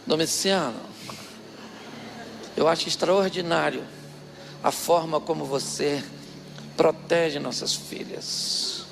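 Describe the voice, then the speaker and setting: A man voicing a wise older aunt who gently sweet-talks her stern husband. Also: very high voice, big-room sound, slight background noise. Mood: coaxing sweetly. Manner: soft, slow, coaxing.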